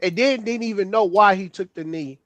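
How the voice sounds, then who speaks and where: A man on a casual panel show who jokes, interrupts and talks quickly when excited. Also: sits high, muffled recording, a crowd in the background. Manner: animated, interrupting, joking. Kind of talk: casual banter.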